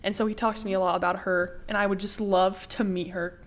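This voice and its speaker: A teenage girl as a podcast guest who talks excitedly and laughs often. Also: mid-range voice, brisk. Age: teens. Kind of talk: casual chat.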